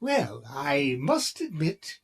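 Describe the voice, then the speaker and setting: A man voicing a smug, pompous male robot in an audio drama, speaking with a grand, self-congratulating drawl and a gravelly edge. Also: fairly high pitch, huge pitch swings, slow pace, exaggerated voice. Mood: pondering.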